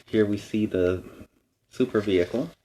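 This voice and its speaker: A man's voice: fairly low pitch, moderate pace, warm tone, a little hiss or hum, lightly acted, rough recording. A man playing a friendly young superhero who hosts a children's storytime, reading animatedly and explaining things in kid-friendly asides. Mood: earnest, animated. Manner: kid-friendly, explains words and gives advice.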